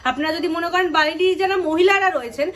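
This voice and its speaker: A woman with a very high voice makes an upbeat, persuasive pitch. She talks quickly while walking the viewer through a demonstration. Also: fairly bright tone. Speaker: machine company representative. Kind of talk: promotional on-site demonstration talk.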